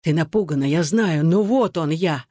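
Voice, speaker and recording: A reader voicing a bitter scarred soldier husband. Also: male voice, on the high side, normal speed, dark tone, dry recording, studio quality, lightly acted. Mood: anguished. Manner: hoarse, clipped through gritted teeth. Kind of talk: audiobook dialogue.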